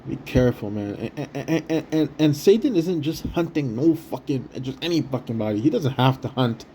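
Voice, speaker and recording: A man preaching quietly from a hotel room in a rambling, profane, stammering way, full of restarts. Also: medium pitch, animated, a little hiss or hum. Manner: deliberately speaking quietly. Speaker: street preacher. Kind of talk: casual preaching monologue.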